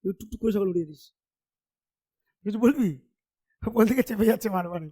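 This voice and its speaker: A man teaching a relaxed classroom lesson. He chats and teases his students, and keeps stopping to check that they follow along. His delivery is loose and conversational, not read from a script. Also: high voice, slightly rough. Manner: chatty, keeps checking understanding with quick questions; familiar, teasing tone with students. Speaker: commerce tutor. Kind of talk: informal classroom lecture.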